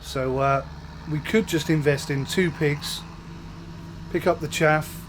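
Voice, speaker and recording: Slow and a little high-voiced, a UK gaming channel host chats with viewers during a farming game let's-play. He keeps it relaxed and casual despite sounding a bit off from a coming flu, and faint game engine noise runs behind.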